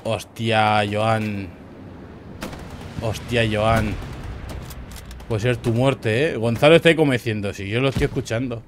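A young Spanish man with a Murcian accent, giving excited commentary on game clips, shouting reactions and swearing freely. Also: fairly low pitch, unhurried, long pauses, a little hiss or hum.

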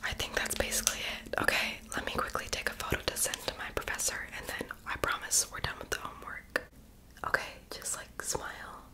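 Young female ASMR performer, whispered role-play, close-up breathy whisper with tingly mouth sounds. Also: fairly quick, low-quality recording. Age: young adult. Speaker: ASMR performer playing a friend doing homework and makeup on the listener. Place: small bedroom, indoors.

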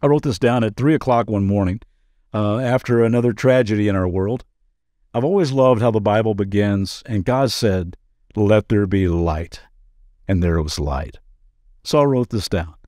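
A man's voice: fairly low pitch, normal speed, darkish tone, dry recording, clean studio sound. A man pastor giving a daily devotional podcast talk in an earnest, conversational way, with playful asides.

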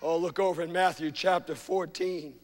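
A man preaching a sermon as pastor, swinging between hushed asides and loud, emphatic lines. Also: fairly high pitch, fairly even intonation, normal speed, big-room sound. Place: church sanctuary.

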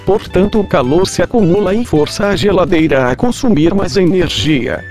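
Mad scientist with a robot voice, a man playing him, somewhat high-pitched, deadpan lecturer, light music underneath. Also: normal speed. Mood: lecturing. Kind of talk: comedic scripted explainer.

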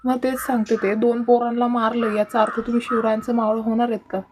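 A woman's voice: on the high side, flat delivery, fast, noisy background. Earnest teenage girl vlogger. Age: teens. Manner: earnest, lecturing, keeps addressing viewers directly. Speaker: vlogger host. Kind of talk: casual advice vlog.

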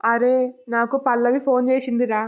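Woman voicing a flat-toned young male friend. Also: on the high side, moderate pace, close to an everyday voice. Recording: tinny lo-fi cartoon audio.

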